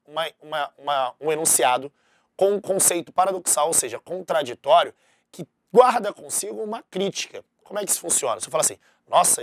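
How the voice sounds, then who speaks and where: A man's voice: medium pitch, dry recording, clean studio sound. A man teaching a recorded exam-prep language lesson, explaining step by step and often checking that the class understood.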